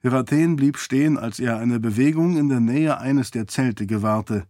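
A man narrates a fantasy novel in an even, measured way, his voice at a middle pitch. The sound is dry and close, with no room around it. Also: dry recording. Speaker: audiobook narrator.

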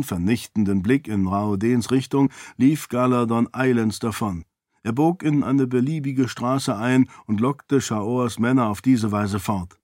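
A man reading audiobook narration in a measured, even storytelling manner. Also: medium pitch, no room sound, clean studio sound.

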